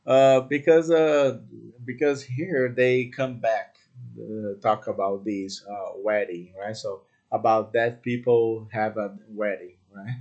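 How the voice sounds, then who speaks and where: A man giving a casual movie review, speaking halting, simple English full of fillers and tagging his sentences with "okay?" and "right?". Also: on the low side, a little mellow, muffled recording. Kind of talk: casual unscripted review talk.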